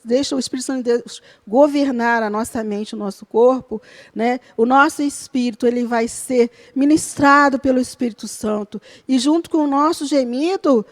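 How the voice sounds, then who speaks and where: High-voiced woman teaching Bible study. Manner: earnest, explains scripture step by step with frequent tag questions. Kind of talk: church Bible study lesson.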